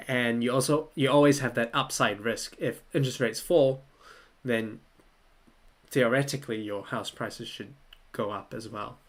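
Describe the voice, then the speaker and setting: A young man from Malaysia, hosting a casual livestream Q&A at his desk, relaxed and chatty, often laughing and thinking aloud. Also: medium pitch, normal speed. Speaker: livestream host answering viewer questions. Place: small room indoors.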